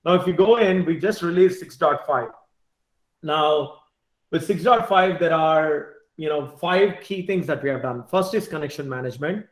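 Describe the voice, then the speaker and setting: At a moderate pace, a tech team lead with a slightly high voice gives an informal work presentation to an online meetup over video call. He restarts and repeats words a lot and says "you know" often, and his computer mic catches the roomy echo of a bright indoor space, likely home or a small office.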